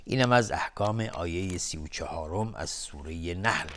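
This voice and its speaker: A man teaching Quran recitation rules in Persian-style explanation, switching between slow chanted verses and brisk spoken explanation. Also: low-pitched, a bit bright.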